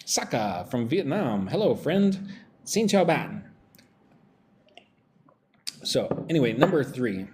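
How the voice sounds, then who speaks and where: A man's voice: mid-range voice, very animated, slow pace, long pauses, a little mellow, slight background noise. A man teaching English pronunciation on a live stream, talking with energy and reading out viewers' chat messages.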